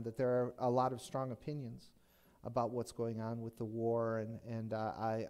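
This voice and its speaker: A man's voice: medium pitch, a little mellow. Male pastor, middle-aged, mid-range voice. Chatty, folksy sermon delivery with plenty of restarts. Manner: conversational and folksy, with frequent restarts.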